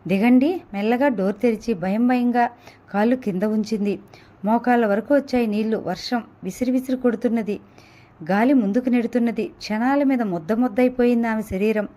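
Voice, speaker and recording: A woman reading a serialized novel aloud in even, measured narration. Her voice is slightly high with a mellow, soft tone. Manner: even, storytelling delivery. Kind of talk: scripted narration.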